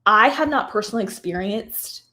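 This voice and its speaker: A woman with a voice she says she is losing, clearing her throat now and then as she casually walks viewers through software changes step by step, with lots of fillers. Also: medium pitch, lively intonation, brisk. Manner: chatty, filler-heavy, explains step by step. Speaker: craft software instructor, livestream host. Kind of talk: casual live software tutorial.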